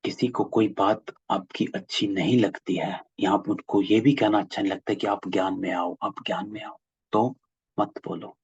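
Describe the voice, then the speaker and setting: Man, husky raspy voice, spiritual teacher, patient repetitive explanation, lo-fi video call audio. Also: fairly low pitch, steady tone, normal speed, a little mellow, no echo. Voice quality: gravelly, husky. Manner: patient, repeats key phrases. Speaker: spiritual class leader. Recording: dull lo-fi call audio, dry.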